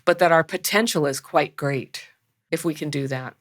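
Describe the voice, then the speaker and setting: A woman in her fifties with a low voice speaks as an interview guest. She talks in a casual, animated way, acts out what she once thought and laughs often. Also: moderate pace. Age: 50s.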